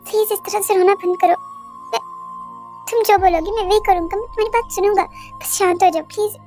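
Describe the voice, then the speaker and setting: A woman's voice: extremely high pitch, steady tone, brisk, a little mellow, faint music behind. A woman voicing a protective young man who anxiously coaxes and questions in a fan audio drama. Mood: soothing. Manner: urgent, coaxing, anxious questioning.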